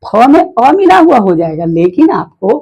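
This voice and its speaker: A woman teaching letter sounds in a slow, repetitive way, often asking the listener questions. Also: on the high side, very animated, warm tone, breathy edge, poor audio. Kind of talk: phonics lesson.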